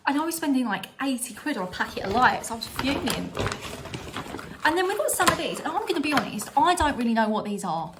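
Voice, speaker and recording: A woman's voice: high voice, sing-song, a little fast, background noise. A young woman vlogging a holiday decor haul at home, bubbly and chatty, often laughing at herself. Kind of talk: casual home haul vlog. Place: at home, in front of a styled background.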